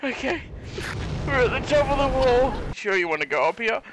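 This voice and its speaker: Man, loud sweary gamer host, animated delivery over a noisy home mic. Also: very high-pitched, a little fast. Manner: loud, swearing, laughing outbursts. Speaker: gaming channel host. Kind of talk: drunken gameplay commentary.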